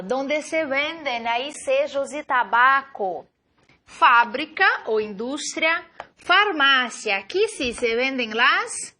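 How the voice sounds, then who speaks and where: Woman teaching vocab, high voice, takes it slow, mixes two languages. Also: pushed and bright. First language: Portuguese. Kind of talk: slide-based vocabulary lesson.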